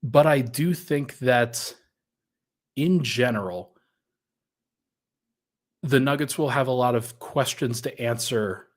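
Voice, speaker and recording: A man hosting a casual sports podcast, thinking aloud in a conversational way and sounding a little out of breath. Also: medium pitch. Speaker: podcast host.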